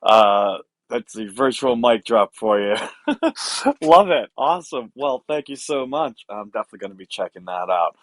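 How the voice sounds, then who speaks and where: A man's voice: medium pitch, sing-song, normal speed, creaky. A man in his forties hosting a live online event in casual, jovial, upbeat chat. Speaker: conference host. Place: indoor home studio.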